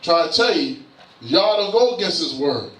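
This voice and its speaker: A man's voice: a little high, sing-song, moderate pace, a bit bright. A man giving a casual sermon in a church, talking in a loose, conversational way and often asking "you know what I'm saying?". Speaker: preacher. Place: church sanctuary. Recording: roomy church sound from a distant mic.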